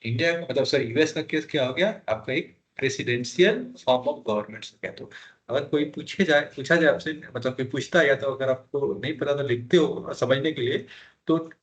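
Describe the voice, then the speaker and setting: A man's voice: mid-range voice, normal speed. A man teaching a polity lesson for exam prep, asking students questions and repeating key terms. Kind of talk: classroom lecture, Hindi mixed with English.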